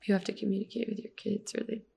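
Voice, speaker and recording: A woman's voice: mid-range voice, fast talker, creaky, breathy edge. A woman in her thirties with an American accent, a podcast guest talking candidly and telling stories with laughter. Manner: candid, animated storytelling with laughs. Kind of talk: casual conversational interview.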